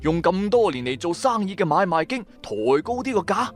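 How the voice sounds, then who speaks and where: A man with a high-sitting, lively voice and a slightly quick pace narrates an audio drama in colloquial first person, carrying a Cantonese accent. He plays its main character, a streetwise, wry businessman turned tomb raider, sounding amused and exasperated.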